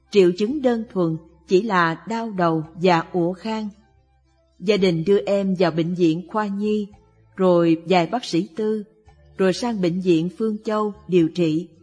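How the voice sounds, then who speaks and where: A woman narrating a sad Buddhist life story in a slow, measured, mournful way. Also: medium pitch, breathy edge. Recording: long reverb with soft music behind.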